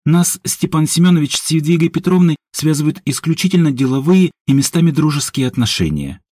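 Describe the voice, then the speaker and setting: Brief: cool, ironic young guy, raised pitch, husky, put on by the narrator. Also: expressive, brisk, darkish tone, no echo, studio quality. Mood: wry. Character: calm, wry young man, a hacker.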